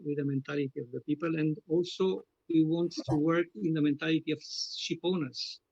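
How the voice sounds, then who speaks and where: A man with a Romanian accent making unscripted formal remarks as a union representative, haltingly searching for his words. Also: fairly high pitch, lively intonation, vocal fry, a little mellow, muffled recording, slight background noise. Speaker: seafarers' union representative, speaker.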